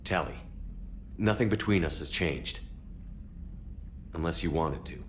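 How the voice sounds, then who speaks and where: An actor playing a calm, firm, reassuring male military commander in a sci-fi video game. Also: deep voice, measured pace, slight background noise. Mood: warm, reassuring. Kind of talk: video game cutscene acting.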